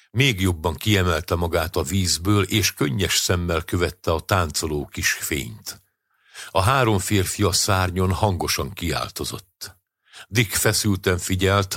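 Male audiobook narrator, very low voice, husky, dry close sound. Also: a bit bright, dry recording. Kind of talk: scripted narration of a short story.

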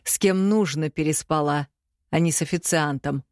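A domineering, harsh middle-aged father , as a woman reads him in an audiobook. He lays down orders slowly and firmly in a low voice. The sound is close and dry. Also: a little mellow, no echo, close to an everyday voice. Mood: commanding. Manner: slow commanding pronouncements.

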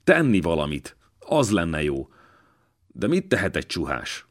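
A man's voice: low voice, very animated. A male reader voicing a restless young Benedictine monk who speaks in an impassioned, pleading way. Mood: eager, restless.

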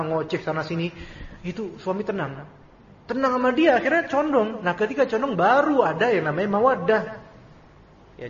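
A man giving a casual religious study lecture, chatty and lively. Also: a little high. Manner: conversational, lively, acts out quoted dialogue. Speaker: Islamic teacher. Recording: roomy, dull recording with faint noise.

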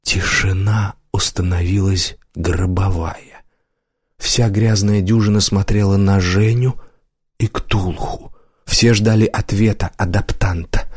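A man narrating an audiobook in a measured, even storytelling manner, close to a studio mic. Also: low voice, slightly rough, no echo.

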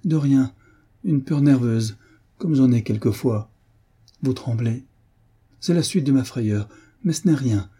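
A man's voice: medium pitch, slow pace, long pauses, mellow, slightly rough. A man reading aloud voices a frightened, proud young woman in a novel, raising his voice a little. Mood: shaken. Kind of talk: scripted narration of a novel.

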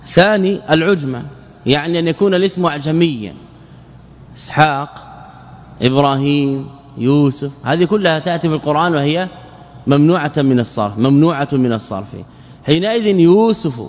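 A man who is a scholar teaching Arabic grammar, reciting verse lines slowly and then asking rhetorical questions and answering them himself. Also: a little high, lively intonation, a little mellow, big-room sound. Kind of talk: lecture.

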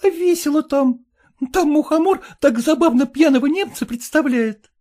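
A man reading aloud, voicing a coy, lively young factory girl in a raised voice. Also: extremely high pitch, normal speed, pitched above the performer's own voice. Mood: pleading.

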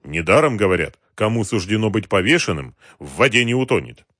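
A man voicing a cool-headed male detective in an audiobook, calm and curt. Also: lowish voice, fairly quick, dry recording, clean studio sound.

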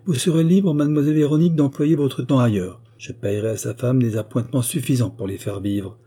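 A man reading the lines of a calm, kindly and authoritative old prince in an audiobook, speaking evenly and quietly commanding. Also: medium pitch, a little fast, husky, voice pushed up, lightly acted. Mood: calm authority. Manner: even, quietly commanding delivery.

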